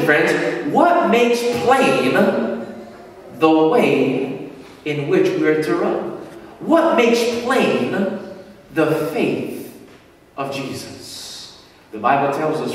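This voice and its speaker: A high-voiced man preaching in a large, echoing hall, heard from a distance with a faint hiss underneath. He asks the congregation questions and leans hard on the key words. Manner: call-and-response questions to the congregation; emphatic, slows down on key words. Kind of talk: sermon.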